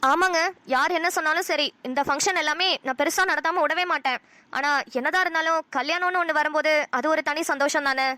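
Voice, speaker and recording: A woman voicing an elderly wife and mother-in-law in a cartoon, warm-hearted but quick to scold. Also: high voice, no echo. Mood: heartfelt. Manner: scolding, emotional. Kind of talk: cartoon dialogue.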